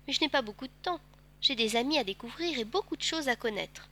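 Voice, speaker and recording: A woman's voice: sits high, expressive, fast, fairly bright tone. A woman doing a curious little boy prince. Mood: earnest. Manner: polite, questioning.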